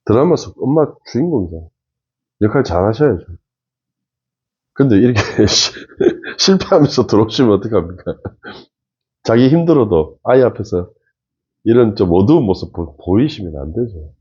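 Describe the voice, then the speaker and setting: A man with a low, husky voice comments on a TV show in a casual way and speaks straight to his viewers. His pitch swings widely as he makes his points with emphasis. The recording sounds dull and lo-fi. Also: very animated, normal speed, long pauses, darkish tone. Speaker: face-reading commentator.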